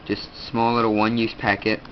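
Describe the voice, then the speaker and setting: Dull, lo-fi audio with slight room noise captures a teenage video host, nose stuffed up, casually walking through his kit. His voice is lowish and flat, and he rambles haltingly with constant fillers.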